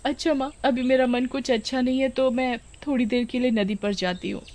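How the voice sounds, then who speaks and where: Casting: a timid, tearful young village girl, put on by a woman, storybook, high voice. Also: steady tone, fairly quick, a little mellow, a little hiss or hum, lightly acted. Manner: stammering, pleading.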